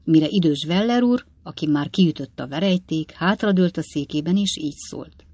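A woman narrating a classic novel as an audiobook, in a measured storytelling manner. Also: deep voice, mellow, no echo.

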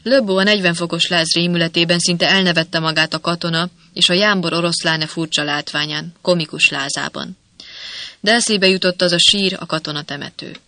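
An audiobook narrator reading a novel in a steady, measured storytelling manner. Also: mid-range voice, no room sound. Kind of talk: scripted narration.

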